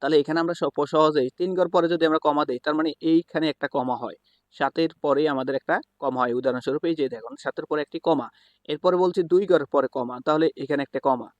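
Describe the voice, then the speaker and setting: A man's voice: on the high side, fairly even intonation, fast talker, no room sound. A man teaching a school math lesson, explaining step by step with frequent fillers and self-corrections. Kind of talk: explaining a lesson while writing on a board.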